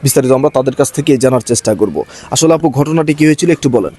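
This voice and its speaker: A man playing a reporter, asking formal questions and trying to calm people down. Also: mid-range voice, very fast, close to an everyday voice. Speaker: reporter in a staged news drama. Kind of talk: mock TV news reporting.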